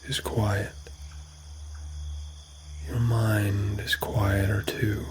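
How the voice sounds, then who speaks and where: A man giving an ASMR sleep talkdown in a soft, breathy, often whispery voice, soothing, in short phrases with pauses. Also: lowish voice, flat delivery, a little hiss or hum.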